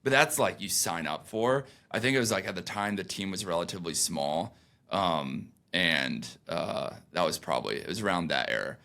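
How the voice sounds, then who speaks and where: A young man with a low, gravelly voice talks casually in a podcast interview. He rambles, filling pauses and restarting his sentences as he goes. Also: lively intonation, pushed and bright. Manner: loose and rambling, with many fillers and restarts. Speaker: founder, guest.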